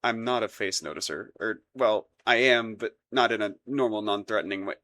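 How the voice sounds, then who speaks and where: In a romantic audio roleplay, a man plays a flustered, lovestruck young crown prince who stammers and rambles nervously in formal courtly wording. His voice is on the low side and sharp in tone, at a normal speed.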